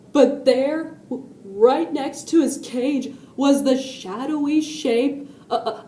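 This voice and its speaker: Slow high-voiced woman reading a story. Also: mellow, recorded from a distance. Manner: slow and deliberate, with spoken sound effects. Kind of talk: reading a children's story aloud. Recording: echoey room with faint noise.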